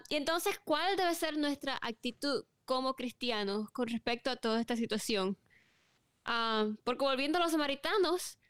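A woman talks through a faith topic in a reflective, unhurried way, stopping and restarting her thoughts. Her voice sits a little high and comes across smooth and clear, recorded dry and close. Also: a bit bright, no room sound. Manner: reflective, with frequent restarts and pauses. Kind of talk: casual faith discussion.

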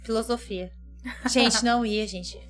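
A young woman, her voice sitting a little on the high side. She chats casually, expressive and teasing as she tells stories. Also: measured pace, crowd noise. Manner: expressive, teasing, laughs while telling stories. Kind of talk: casual chat.

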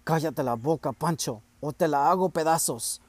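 A man voicing a stern, injured middle-aged father who speaks curtly and shouts in anger. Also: a little high, expressive, measured pace, dry recording. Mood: angry shouting. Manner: shouting, curt and angry.

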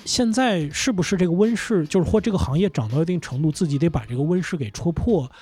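Husky man talking in lively bursts. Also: on the high side, quick pace, soft background music. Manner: animated, laughs and swears when excited. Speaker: podcast guest, comedy company founder. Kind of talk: casual conversational interview. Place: indoor studio.

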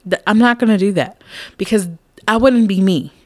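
A woman's voice: medium pitch, moderate pace, a little mellow, dry recording. A woman in her late twenties talking candidly in a casual personal monologue, rambling and laughing often. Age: late 20s. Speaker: podcast host.

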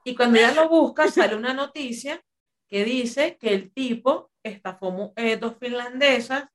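A woman's voice: on the high side, moderate pace. A woman, co-hosting a podcast and retelling a story in casual chat, rambling with filler phrases. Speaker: podcast co-host.

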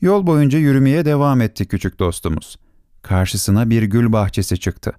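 A man reading a children's story aloud as audiobook narrator, gentle and measured. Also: mid-range voice, clear, resonant tone, no echo, studio quality.

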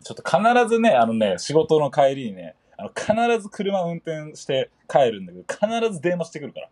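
Fast-talking young man with a husky voice. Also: on the high side, sing-song, a little mellow. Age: young adult. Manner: quick, exasperated retorts, often laughing. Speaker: podcast co-host. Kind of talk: casual comedic banter.

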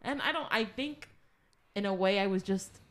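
Telling a personal story on the podcast she co-hosts, this young woman speaks at normal speed in a mid-range, fairly bright voice. She's a chatty storyteller who sprinkles in frequent "like" fillers.

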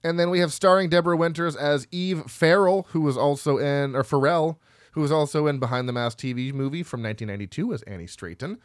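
A male podcast co-host chats casually while reading film credits, rambling, laughing at himself and tripping over names. His voice is a little high and quick, and the booth sound is dead dry.

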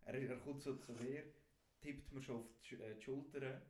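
A young man from Switzerland with a Swiss German accent, co-hosting a podcast and telling an animated, slangy story full of acted-out quotes. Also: medium pitch, normal speed. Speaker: podcast co-host. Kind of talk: casual storytelling chat. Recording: roomy echo.

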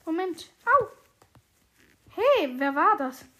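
A woman casually chatting while playing a survival game, excitedly narrating everything she does. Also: very high-pitched, slow pace. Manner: excitable, narrates her own moves aloud. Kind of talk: casual gameplay chat.

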